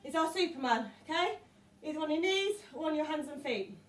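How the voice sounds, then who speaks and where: A woman's voice: sits high, lively intonation, a little fast, distant mic. Woman fitness coach, encouraging, out of breath, roomy recording, away from the mic. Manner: encouraging, counting down. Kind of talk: workout instruction.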